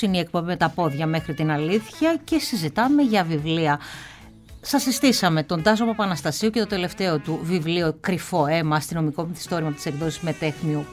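A woman hosts a radio book show from a studio. Her voice sits fairly low, and she speaks in a formal, articulate way into a studio microphone. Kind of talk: radio talk show hosting.

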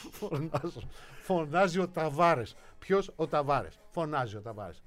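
Sarcastic man arguing, higher voice. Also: big pitch swings. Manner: argumentative, sarcastic, repeats phrases for effect. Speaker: sports show co-host. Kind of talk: casual sports banter.

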